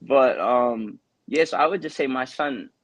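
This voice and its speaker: A man's voice: medium pitch, measured pace, crowd noise. A man in his twenties, a boxer from Connecticut, talking earnestly in a casual interview, rambling with lots of "you know" fillers. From Connecticut, USA.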